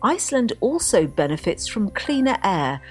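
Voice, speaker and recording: A woman narrating a documentary script with a husky voice. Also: medium pitch, very animated, moderate pace, soft background music.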